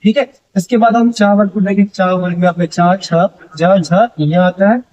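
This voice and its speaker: A man with a high voice teaches an exam-prep grammar lesson, posing questions to his listeners and answering each one himself. The recording sounds dull and lo-fi. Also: steady tone, moderate pace, darkish tone. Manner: asks the class questions and answers them himself. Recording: dull lo-fi audio.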